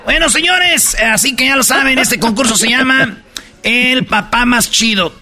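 A man hosting a joking radio show, telling slangy stories and pitching a contest in a loud promo style. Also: soft background music. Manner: rapid slangy storytelling, loud promo delivery.

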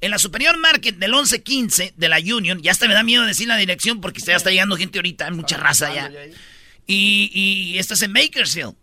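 A man's voice: sits high, animated, fairly quick, pushed and bright. A Mexican man co-hosting a radio show with playful, slangy, casual banter.

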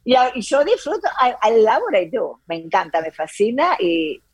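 A woman's voice: fairly high pitch, big pitch swings, moderate pace, breathy edge, no echo. A woman with an Argentine accent, a guest in a casual interview, talking in a playful, flirtatious way. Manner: flirtatious and playful, laughs often.

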